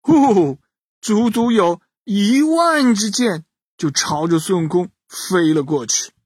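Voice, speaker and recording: A man narrating a children's bedtime story in an animated way, speaking straight to the children listening. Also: high-pitched, measured pace, slightly rough, dry recording, studio quality. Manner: animated, addressing children directly.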